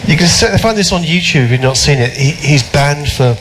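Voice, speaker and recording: A British man, a philosopher as guest at a public talk, speaking in an animated, chatty storytelling way with many fillers and restarts. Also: fairly high pitch, a little fast, a little hiss or hum, poor audio. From Britain.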